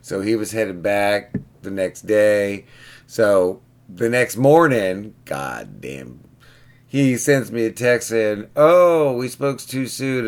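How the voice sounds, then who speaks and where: Low-voiced man telling a rambling repair story. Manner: rambling, chatty, keeps asking "right?". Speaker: pinball machine repairer. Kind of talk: casual storytelling vlog.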